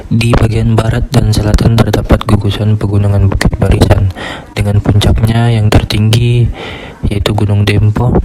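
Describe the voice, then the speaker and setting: A young man presents a class report, reading steadily from his script in a low voice. He keeps an even, monotone delivery. A loud hiss runs under the whole recording. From Indonesia. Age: young adult. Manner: steady, reads from a script in a flat tone. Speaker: student.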